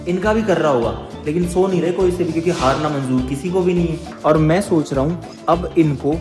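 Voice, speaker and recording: A man's voice: fairly high pitch, brisk, music in the background. A man hosting a challenge who talks casually to the camera, laying out his plans in a confiding, scheming way. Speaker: challenge host. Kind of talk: casual vlog narration to camera. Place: studio.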